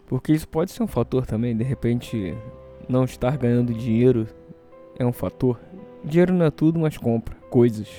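A man's voice: mid-range voice, normal speed, dark tone, soft background music. A hungover Brazilian man hosting a casual solo show, rambling and hesitant as he talks. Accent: Brazilian Portuguese.

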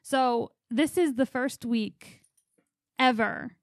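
A young woman's slightly high voice comes through clean studio sound with no echo as she co-hosts a casual podcast. She takes it slowly but still talks at length, chatty and rambling, with an anxious edge to her stories.

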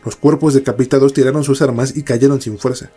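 A man narrating a first-person horror story in a measured, dramatic way. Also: medium pitch, fairly even intonation, warm tone, breathy edge, faint music behind.

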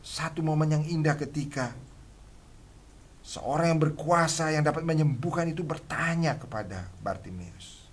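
A man preaching a sermon who keeps addressing the listeners as brothers and sisters and shouts out the cries of a blind man. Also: fairly high pitch, normal speed, breathy edge. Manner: builds to loud shouts when acting out a blind man crying.

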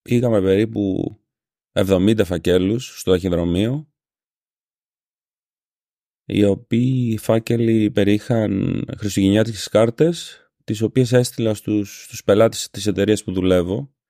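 A man's voice: fairly low pitch, fairly even intonation, warm tone, no echo, clean studio sound. A man from Greece with a Syros island accent, hosting a casual monologue podcast, a little ill and grumbling, telling a story sarcastically. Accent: Syros island Greek. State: slightly ill. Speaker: podcast host. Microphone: home podcast microphone.

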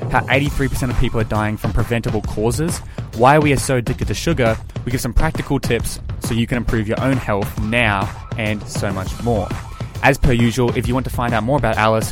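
A young man hosting a podcast and interviewing a guest, upbeat and eager. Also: mid-range voice. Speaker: podcast host.

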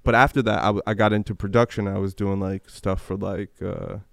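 A man's voice: fairly low pitch, level tone, a little fast, vocal fry, no room sound, clean studio sound. A man hosting a casual conversation, talking in loose slang with lots of fillers and restarts. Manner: slangy, rambling, many fillers.

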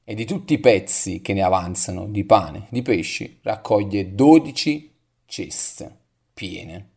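Lowish-voiced Italian man preaching reflectively. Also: animated, takes it slowly, creaky, darkish tone, husky. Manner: reflective, asks the listener direct questions. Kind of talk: devotional sermon reading and reflecting on scripture.

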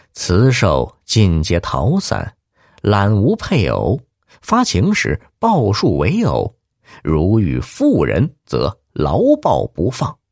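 Low, very animated male storyteller. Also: creaky, dry recording, studio quality. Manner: dramatic, highly animated narration. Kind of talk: storytelling for children.

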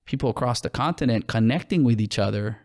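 A man's voice: mid-range voice, expressive, darkish tone. A man from Hawaii with a Hawaiian accent, chatting casually on a podcast, full of restarts and fillers. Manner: halting, many restarts and fillers. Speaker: podcast co-host, clothing brand owner.

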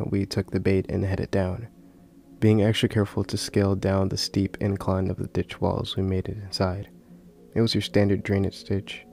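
A man's voice: low voice, gravelly, darkish tone. A man hosting and narrating scripted horror stories, recorded in a closet with a slightly muffled home sound. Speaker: horror story narrator and host.

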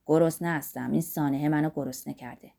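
Lady reading a gruff earthy old miner, dark husky voice, kinda impatient. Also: sits low, steady tone, pitched below the performer's own voice. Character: blunt hardworking older Greek miner, gruff.

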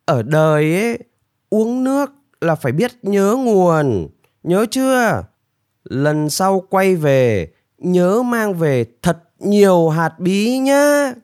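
A man voicing a greedy, boastful, cowardly middle-aged man in a storybook tale, in a high, shrill, wheedling sing-song. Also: big pitch swings, takes it slowly, darkish tone, dry recording, studio quality, full character voice. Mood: bossy. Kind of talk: storybook character voice.

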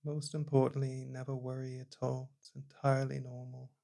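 A man leading a guided meditation, speaking slowly and calmly, his phrases trailing off softly at the ends. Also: medium pitch, creaky. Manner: slow, calm, soft-spoken, trailing off quietly at phrase ends. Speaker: meditation teacher.

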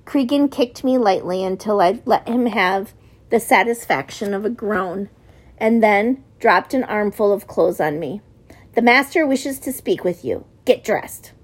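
A woman reads a novel aloud as an audiobook narrator. Her voice sits at a middling pitch, and she gives each character only a small shift in voice. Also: normal speed. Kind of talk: audiobook reading.

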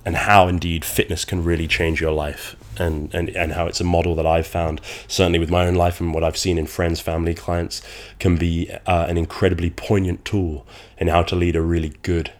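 A podcast host who is getting over a cold talks solo in a nasal, congested voice. He's low-pitched and fairly quick, with a level tone, and his delivery is conversational, wordy and a bit dramatic.

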